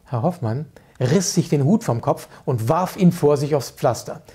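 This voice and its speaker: A man reading calmly and vividly from a children's book. His voice is somewhat high but mellow and warm. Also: moderate pace, slightly rough. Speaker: author reading aloud.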